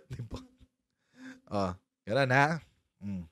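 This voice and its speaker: A man hosting a casual political commentary livestream, animated, laughing often and mixing English into his talk. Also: mid-range voice, slow pace, background noise.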